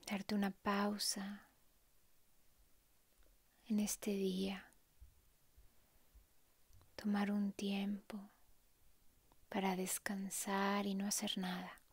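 In a hushed, calm, breathy tone, a woman with a mid-range voice softly guides a meditation, leaving long pauses. There is no echo.

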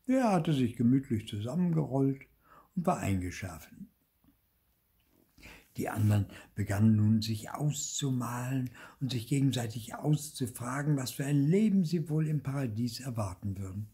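Husky older man reading a fairy tale. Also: medium pitch, normal speed. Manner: lively, dramatic storytelling. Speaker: storyteller reading a folk tale to children. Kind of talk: storybook reading aloud.

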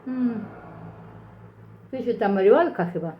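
Slow, toothless older woman, Ukrainian accent. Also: a little high, lively intonation, muffled recording, a little hiss or hum. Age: middle-aged or older. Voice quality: slurred articulation from missing teeth. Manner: folksy, rambling, addresses viewers with endearments. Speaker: host of an eating vlog. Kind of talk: casual chat to viewers while eating.

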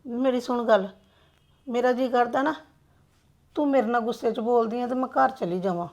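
A woman playing a soft-spoken older mother whose voice sits fairly high with a gravelly edge. She pleads and consoles gently, hurt but yielding. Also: normal speed, lo-fi sound, natural voice. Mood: gentle, hurt. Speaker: mother-in-law character.

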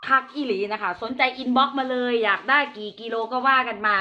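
A woman with an Isan accent doing hyped, chatty live-seller patter, repeating her pitch and addressing viewers in a folksy way. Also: fast, sharp tone, muffled recording, slight background noise. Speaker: live-stream seller of chillies and farm produce.

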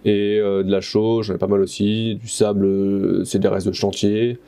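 In a flat delivery at normal speed, a plasterer in his thirties narrates renovating a stone wall, his fairly low voice mellow and his speech casual, peppered with fillers and self-corrections. Though recorded on a head-mounted action camera in a stone room, the audio has no room sound.

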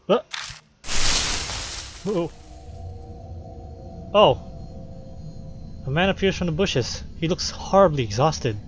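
A man playing through a game, reading its text aloud and reacting excitedly, swearing often. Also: a little high, slow, pauses often, faint music behind, rough recording. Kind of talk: playthrough narration with reactions.

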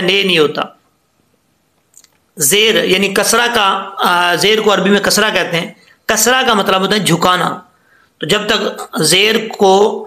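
In a reverberant recording, a man with a high, creaky voice and sharp tone teaches tajweed. He goes through the Quran recitation rules letter by letter with patience, stretching out the example words to show how they sound.

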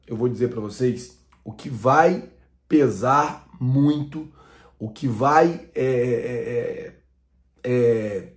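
A man in his thirties hosting a football fan vlog, talking casually and loosely, repeating himself and filling pauses as he goes, filmed close to a webcam in a small room at home. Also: mid-range voice, darkish tone. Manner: rambling, repeats himself, many fillers. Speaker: football channel host.

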